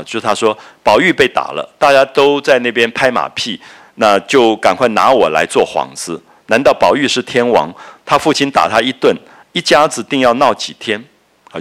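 Male lecturer, lowish voice with very expressive pitch, conversational storytelling style with filler words. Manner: lively explaining, sprinkled with "ah" and "okay" fillers. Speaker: literature lecturer. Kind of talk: lecture retelling a classic novel.

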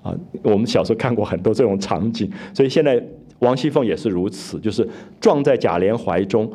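A man's voice: fairly low pitch, expressive, fairly quick, mellow, breathy edge. A man giving an explanatory lecture on a classic novel, retelling its scenes and asking his listeners rhetorical questions. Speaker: literature lecturer.

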